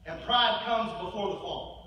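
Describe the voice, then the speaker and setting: A male pastor preaching a sermon, swinging between loud peaks and low murmurs. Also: normal speed. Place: large church sanctuary. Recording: echoey room, heard from far off.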